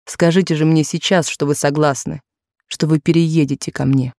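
A woman voicing an insistent, possessive wealthy man courting a young maid, in a lowered, slow, pressing voice in a dry studio recording. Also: fairly even intonation, warm tone, no echo.

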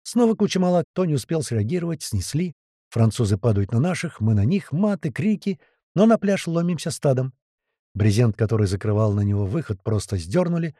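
A man reading a first-person audiobook with tense, lively storytelling. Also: medium pitch, brisk, no echo, studio quality. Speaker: audiobook narrator.

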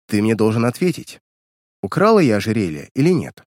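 A man's voice: lowish voice, wildly swooping pitch, fairly quick, darkish tone, no room sound, clean studio sound. A man reading a cool, steely young woman. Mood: cold. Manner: cold and composed. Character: calm, resolute young woman.

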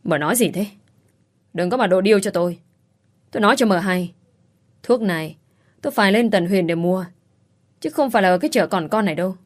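A woman's voice: mid-range voice, lively intonation, brisk, long pauses, lightly acted. A woman voicing a scheming young female servant who argues, pleads and screams curses. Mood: defiant.

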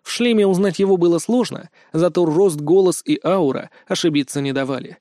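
A man reading a first-person fantasy audiobook in a calm, measured way on a close studio mic. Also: on the high side, no echo. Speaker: audiobook narrator.

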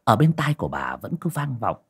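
A man narrating a horror story in a dramatic, expressive way. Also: medium pitch, fairly quick, slight background noise.

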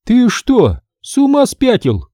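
A male reader voices a rude, indignant brunette woman. She scolds in a high, piercing voice that leaps around wildly. The sound is close and completely dry. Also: big pitch swings, normal speed, warm tone, dry recording. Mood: shrieking. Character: stately brunette woman, shrill, rude, quarrelsome.

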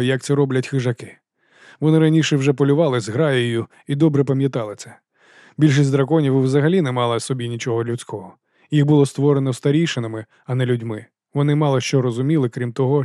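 A male narrator at a middle pitch tells a fantasy tale in the first person, in a measured, steady read. The recording is close and completely dry. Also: no room sound. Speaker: audiobook narrator.

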